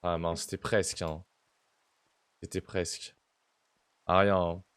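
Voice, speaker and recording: A man's voice: sits low, flat delivery, slow, fairly bright tone, clean tone. A man with a French accent chatting casually on a game stream, playfully mixing in English. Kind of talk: casual gaming stream chat.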